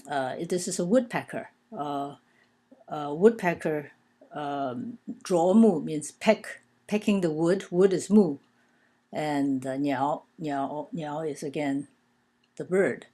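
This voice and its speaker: A woman's voice: low voice, takes it slowly, mellow. A woman teaching an informal language lesson, hesitant and full of fillers, counting and spelling things out aloud. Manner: hesitant, many fillers and restarts.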